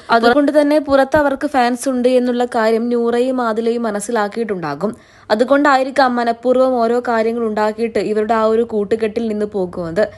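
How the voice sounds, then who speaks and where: Woman narrating a reality show recap. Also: on the high side. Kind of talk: scripted voice-over commentary.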